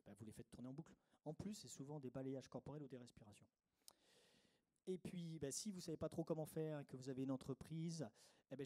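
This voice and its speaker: Middle-aged male speaker, warm and dark timbre, mid pitch, conference talk, didactic, hammers home key points. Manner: didactic, repeats key phrases, frequent "euh" and "ok?". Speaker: meditation consultant giving a workshop talk. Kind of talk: conference talk to a live audience.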